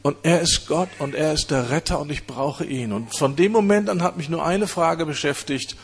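A man preaching, telling his own conversion story in an earnest, halting way. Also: a little high, gravelly, breathy edge. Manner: earnest storytelling with many hesitations. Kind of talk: testimony sermon.

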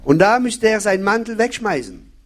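With a high-pitched, sing-song voice at a moderate pace, a man preaches a sermon. He hammers key phrases emphatically, repeats them, and addresses the congregation with questions.

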